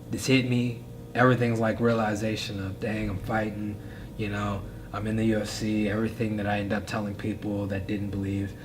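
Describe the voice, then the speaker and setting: A young man on a podcast telling his story casually, rambling with many fillers and getting animated. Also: fairly low pitch. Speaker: podcast guest, fighter.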